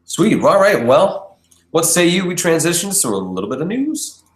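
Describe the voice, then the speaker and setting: Man with a lively voice in an echoey basement. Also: fairly high pitch, normal speed, over loud music. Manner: relaxed, rambling, chuckles often. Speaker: podcast host. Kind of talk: casual chat. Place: nearly empty basement. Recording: echoey empty basement room.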